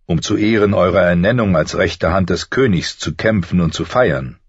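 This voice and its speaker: A man's voice: low voice, moderate pace, husky, dry recording. A man voicing an eager, loyal captain of the guard in an audiobook. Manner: eager reporting tone. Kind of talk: audiobook character voice. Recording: slightly muffled dry recording.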